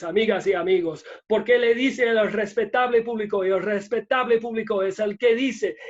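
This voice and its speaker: A man putting on the voice of a fast-talking, repetitive male radio announcer. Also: lo-fi sound. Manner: showy announcer patter, raised and higher.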